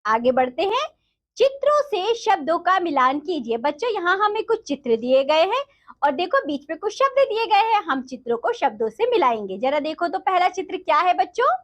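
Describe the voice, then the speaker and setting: A woman teaching a lesson to young children, spelling words out slowly letter by letter and asking them questions. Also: very high-pitched, big pitch swings, a bit bright. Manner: addresses children, slow syllable-by-syllable spelling.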